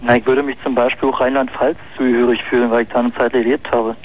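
A young man from East Berlin, with a Berlin accent, calls in to a radio show and chats hesitantly with plenty of fillers. His medium-pitched voice barely moves in pitch, and he talks quickly over a muffled phone line.

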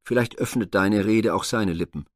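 A man voicing a gentle young woman, a loyal daughter, speaking mildly in a spoken myth retelling. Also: lowish voice, moderate pace, no echo, natural voice. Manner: mild, soothing.

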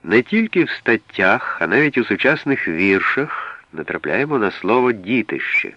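A man with a very low voice reads from a language guide in a measured, explanatory way, pausing to set apart single words. The sound is dull and lo-fi, like an old radio recording, and very dry with no room around it. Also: sing-song, bright, forceful tone, no room sound. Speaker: reader of a language usage guide. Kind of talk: scripted reading.

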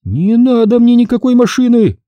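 A man reading an audiobook voices a pushy woman trader who shrieks, begs and snaps in a high, strained voice. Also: expressive, moderate pace, no echo, highs cut off, close to an everyday voice. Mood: snapping. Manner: shrill, pleading and bossy.

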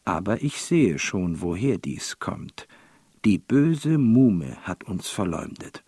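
Man voicing a stern fairy-tale queen, slow, gravelly, lively lilt. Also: on the low side, no room sound, clean studio sound, full character voice. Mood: indignant. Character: proud queen mother, indignant and commanding. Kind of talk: literary reading.

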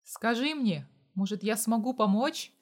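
A blunt, excitable young man, quick to alarm and pressing for answers, as a woman narrator reads him. The voice sits fairly high. It is a storybook character. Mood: urgent. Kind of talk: audiobook character reading.

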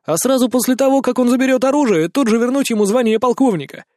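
A man's voice: very high voice, fast talker, darkish tone, no echo, studio quality, voice pushed up. A man voicing a scheming male adviser who keeps making eager suggestions in a raised voice.

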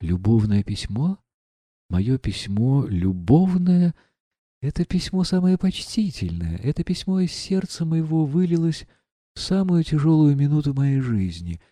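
A male reader voicing a gentle, earnest young prince in an audiobook, pleading and sincere. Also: on the high side, big pitch swings, unhurried, no room sound, clean studio sound, pitched above the performer's own voice. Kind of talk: audiobook reading.

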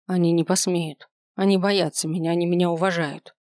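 A stern old village healer woman, as a reader puts her on, barking orders with proud certainty. The voice sits close to the reader's own, a bit lower. The read is dry and close. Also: level tone, a little fast, darkish tone, no echo, natural voice.

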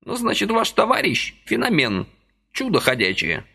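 A jittery, fussy little old man, voiced by a male reader, his voice pitched high above the reader's own and swooping all over. He sounds indignant and eager by turns, an audiobook character full of nervous energy. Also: wildly swooping pitch, moderate pace, gravelly, bright, forceful tone, slightly rough, full character voice.

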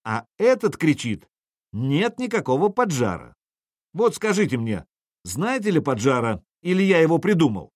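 A man voicing a bold young male leader who loudly declaims to a crowd. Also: a little high, sing-song, moderate pace, dry recording, studio quality. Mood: declaiming. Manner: loud, declaiming.

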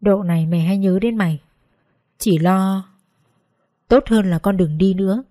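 A woman's voice: medium pitch, a little slow, warm tone, no room sound, studio quality, natural voice. A woman voicing a poor, aging rural mother who pleads tenderly with her daughter in a read-aloud story. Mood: pleading.

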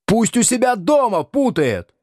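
A man's voice: very animated, a little slow, darkish tone, no echo, studio quality, exaggerated voice. A man reading an audiobook, voicing a furious young wife who screams at her husband. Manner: high, screaming tirade.

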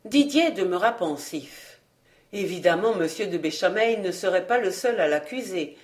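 A woman reading a classic novel aloud as an audiobook narrator, in a measured, even storytelling manner. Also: lowish voice. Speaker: audiobook reader.

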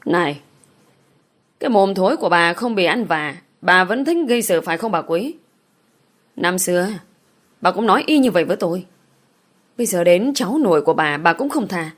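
A woman voicing a defiant young village daughter in an audiobook, with quick sharp retorts in a lowish voice. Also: animated, natural voice. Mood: furious.

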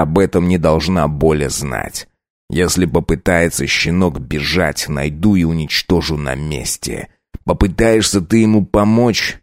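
A man voicing a cruel, menacing vampire count with a low, slow, threatening growl, audiobook style. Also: dry recording, clean studio sound.

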